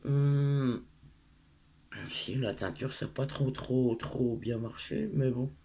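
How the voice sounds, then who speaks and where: A woman's voice: rumbling low, fairly even intonation, slow, dark tone. Middle-aged woman with a lisp, chatting casually. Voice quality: lisp on s sounds. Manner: hesitant, rambling, self-deprecating. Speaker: craft tutorial vlogger. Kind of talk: casual chat to followers.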